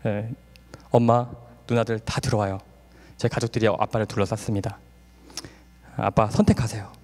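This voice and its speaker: A man's voice: lowish voice, flat delivery, normal speed, a little mellow. A middle-aged man, a doctor, giving a testimony talk at a church camp, acting out family dialogue with laughter. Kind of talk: sermon testimony. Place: large hall at a church camp. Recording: long hall reverb.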